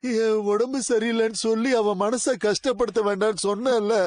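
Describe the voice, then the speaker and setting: A man's voice: high-pitched, steady tone, moderate pace, darkish tone, dry recording, natural voice. Actor playing an ailing, emotional father. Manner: weak, emotional. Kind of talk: TV serial acting.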